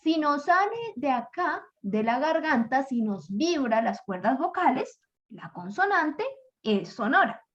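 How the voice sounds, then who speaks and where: A patient woman teacher explains pronunciation at an unhurried pace, stretching out each example sound. Her voice sits a little high. The recording is dull and lo-fi. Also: very animated, fairly bright tone. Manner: slow, patient, demonstrates sounds aloud. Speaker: English teacher. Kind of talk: classroom explanation.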